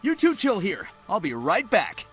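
A breezy, confident young American hedgehog hero from a video game. His voice sits high and bounces around in a wisecracking, easygoing way, over music. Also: wildly swooping pitch, measured pace, breathy edge, heavily acted. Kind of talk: video game cutscene acting.

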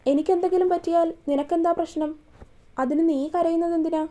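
A woman's voice: very high voice, fairly even intonation, fairly quick, warm tone. A woman voicing a stern, commanding young man who questions firmly and bluntly. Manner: firm, questioning tone.

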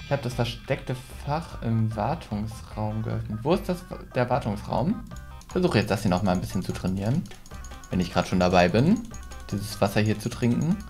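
Sitting in a small decorated gaming room with game music behind him, a young adult YouTuber hosts a let's play, talking casually and thinking out loud on a headset mic. His voice is on the low side and darkish in tone, animated, at a moderate pace.

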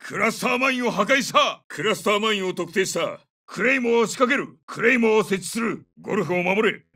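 A battle-hardened special forces captain in a shooter game. His voice is pitched high and forceful, set a little way from the mic. He gives terse, commanding callouts with urgency. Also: expressive, quick pace, distant mic, exaggerated voice. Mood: shouted, urgent. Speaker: soldier calling out combat voicelines. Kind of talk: military shooter game voice acting, short tactical callouts.

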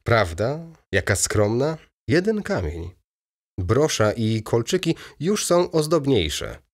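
A man reading an audiobook voices a fussy, excitable aging male baron in a raised, eager, chattering manner. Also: mid-range voice, slow, pitched above the performer's own voice, exaggerated voice.

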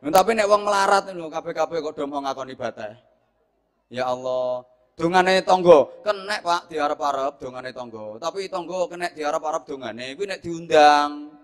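A middle-aged man with a Javanese accent giving a humorous sermon, telling stories lively and acting out the people in them. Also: fairly high pitch, normal speed. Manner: lively storytelling, acts out scenes and mimics people. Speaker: preacher.

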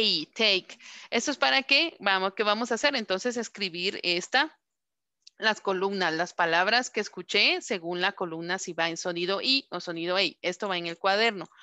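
A woman teaching a class, repeating words slowly and asking questions over and over. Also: medium pitch, bright, forceful tone, clean tone, no echo. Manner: slow, drawn-out word modelling and repeated questions. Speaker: English teacher. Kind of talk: online class instruction.

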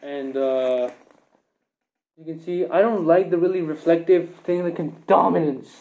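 Young man, muffled by a cloth mask, mellow tone, slightly high voice, casual rambling review. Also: measured pace. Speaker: gear reviewer.

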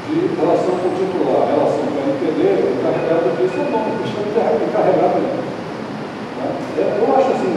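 An older man giving a conversational lecture on law to an audience, often checking in with tag questions. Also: sits high. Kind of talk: lecture on data protection law. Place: large hall with audience. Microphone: handheld mic, filmed from far back. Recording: echoey hall from far off, noisy.

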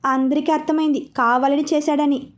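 A woman's voice: sits high, level tone, brisk. A woman reading a serialized romance story aloud, lifting her voice for the characters' lines. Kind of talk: scripted story narration with acted dialogue.

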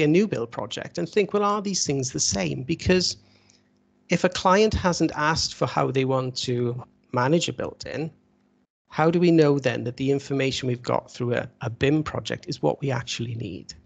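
Here a man with a fairly high voice and a touch of vocal fry talks at an ordinary pace. As a university lecturer on a video call, he presents a relaxed slide-based webinar, explaining conversationally and asking rhetorical questions into his call microphone.

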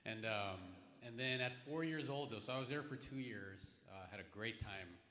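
A man in his thirties, a pastor from the Philippines, telling his story in a relaxed way with many fillers, speaking on a church stage into a handheld mic. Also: mid-range voice, normal speed. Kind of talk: answering questions on stage. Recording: echoey hall with long reverb.

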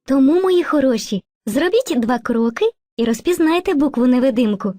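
A woman's voice: sits high, animated, moderate pace, no echo. A woman voicing Movka, a kind female spirit of language who teaches and narrates patiently in an educational cartoon. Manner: patient, gently instructive, addresses children fondly.

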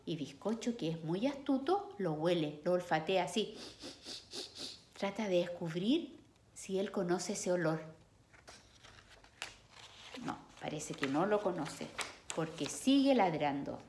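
A woman's voice: fairly low pitch, lively intonation, takes it slowly, long pauses, a little hiss or hum. A woman reading a picture book aloud to children, stopping to explain the pictures. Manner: warm, explains the pictures to kids. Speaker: storyteller for children. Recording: echoey room.

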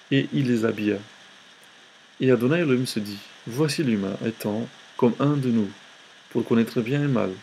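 A man lecturing on the Old Testament, reading scripture aloud at a slow, careful pace. His voice sits in an ordinary middle register, and he often stumbles and restarts words. A faint hiss of background noise runs under the recording. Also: medium pitch, a little mellow.

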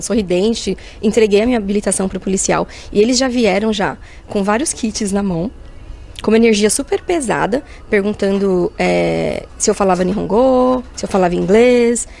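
Fast-talking, gravelly woman. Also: mid-range voice. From Brazil. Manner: animated, vivid retelling with acted-out quotes. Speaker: interviewee. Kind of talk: interview testimony.

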